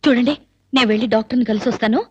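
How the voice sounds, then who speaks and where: An actress playing a jealous young wife in a film comedy, nagging and melodramatic. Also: female voice, fairly high pitch, rapid-fire, husky, no room sound, muffled recording. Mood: scolding. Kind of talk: 1990s film comedy acting.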